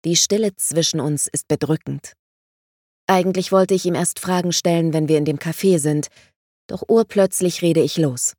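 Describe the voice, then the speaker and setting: A woman narrating audiobook samples in a measured, expressive reading. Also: sits low, no room sound.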